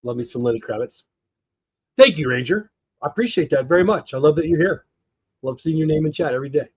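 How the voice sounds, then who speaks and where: A man hosting a live baseball watch party, excitedly calling plays and chatting with viewers, a bit hoarse as he is losing his voice. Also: fairly high pitch, fast, muffled recording. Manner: excited, reacts to plays, talks to chat. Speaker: livestream watch party host.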